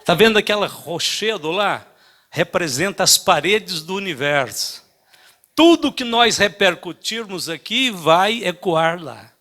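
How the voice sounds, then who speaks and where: An older man playing a calm, wise father in a sermon story, speaking in a gentle, instructive way. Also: high-pitched, unhurried, heavily acted.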